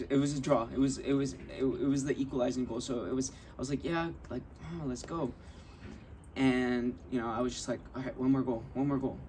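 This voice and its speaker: A man's voice: medium pitch, darkish tone. A young man hosting a podcast, telling a personal story in a candid, rambling way with many restarts and acted-out quotes. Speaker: podcast host. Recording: voice slightly off-mic with faint ambient noise.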